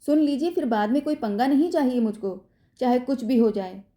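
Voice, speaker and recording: A woman's voice: sits high, animated, moderate pace, pitched above the performer's own voice. A woman voicing an angry, stubborn young wife who speaks sharply and defiantly. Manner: sharp, defiant, later tearful.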